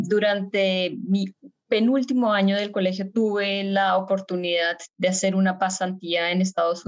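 A Colombian woman in her thirties, a guest aerospace engineer, giving measured interview answers with frequent hesitation fillers. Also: medium pitch. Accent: Colombian Spanish. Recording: muffled lo-fi sound.

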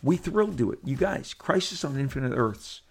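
This podcast host, a man in his fifties, has a husky mid-range voice and talks fairly quickly. His casual monologue is an animated, rambling tale with frequent restarts and repeats and quoted asides performed in character.

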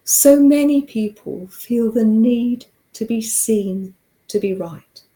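A hoarse woman hosts a motivational talk show, speaking in an earnest, coaching way. Her voice is very dark and mellow. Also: fairly high pitch, slow pace, low-quality recording. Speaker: host.

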